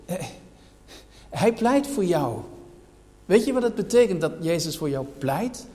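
A man preaching a sermon as pastor, building to loud, emphatic declarations. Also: high voice, big pitch swings, a little slow. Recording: long hall reverb.

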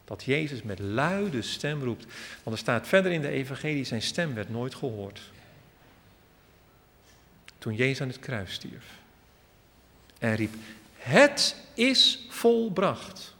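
A man preaching a sermon at a church service, emphatic and repetitive, with sudden swells of loudness. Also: medium pitch, lively intonation, measured pace, pauses often. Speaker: pastor. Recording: long church hall reverb.

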